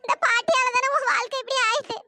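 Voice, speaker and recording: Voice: very high-pitched, steady tone, fast talker, a little hiss or hum, exaggerated voice. A performer voicing an old grandmother in a cartoon story who comforts her granddaughter tenderly and scolds her own daughter furiously. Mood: tender coaxing. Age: older. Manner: scolding, shouting. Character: fierce loving old grandmother, sharp-tongued.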